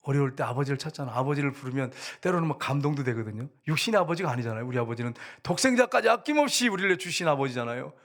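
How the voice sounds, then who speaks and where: A man's voice: mid-range voice, expressive, rapid-fire, hardly any pauses. A middle-aged man preaching a sermon in a church, talking conversationally and acting out the voices of people in his stories. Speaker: pastor. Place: church sanctuary.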